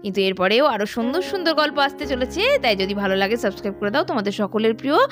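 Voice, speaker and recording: Woman telling a doll cartoon story, friendly, quick and lively. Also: on the high side. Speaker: narrator. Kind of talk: scripted narration for a doll cartoon.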